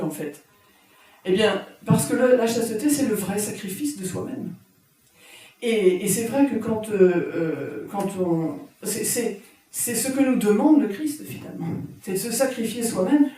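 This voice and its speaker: A woman speaks to an audience as an author presenting her book, her voice mellow and dark in tone. She talks in a halting way, starting over and repeating words. She stands well back from the microphone in a big, heavily echoing room. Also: mid-range voice. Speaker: author giving a talk. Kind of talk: conference talk. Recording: very echoey room from far off.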